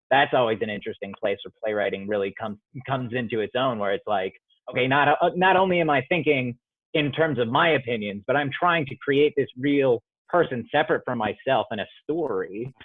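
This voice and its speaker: In this dry, tinny, phone-like video-call audio with no room sound, a medium-pitched male playwright responds thoughtfully to interview questions. He frequently starts over as he gropes for words.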